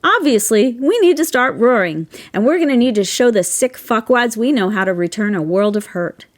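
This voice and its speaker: A woman's voice: fairly high pitch, animated, normal speed. A woman in her fifties telling a personal story in a blunt, emphatic way, swearing freely and building to a passionate rallying call. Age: 50s. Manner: impassioned, rallying. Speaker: social media storyteller.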